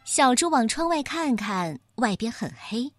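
Expressive woman reading a children's story. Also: on the high side, measured pace, soft background music.

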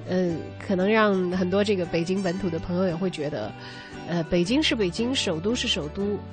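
A woman hosting a radio show, chatting casually and reflectively with a co-host, often ending phrases on soft particles. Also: fairly low pitch, fairly quick, over music. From China, outside Beijing. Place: radio studio.

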